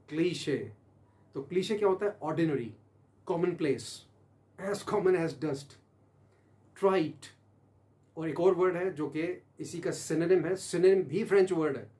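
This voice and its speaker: Male teacher, slightly high, dark-toned voice, spells words slowly and repeats them. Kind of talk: pronunciation lesson.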